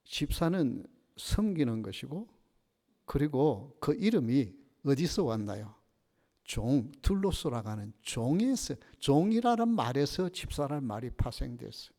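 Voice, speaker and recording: A male pastor delivering a Sunday sermon with lively storytelling and frequent rhetorical questions. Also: medium pitch, unhurried. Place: church sanctuary. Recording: reverberant church sanctuary.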